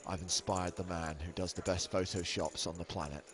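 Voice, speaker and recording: A man's voice: sits low, steady tone, a little fast, a bit bright, slight background noise. A man calling poker action and reading out viewer messages with teasing banter. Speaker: commentator. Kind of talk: poker play-by-play and reading chat.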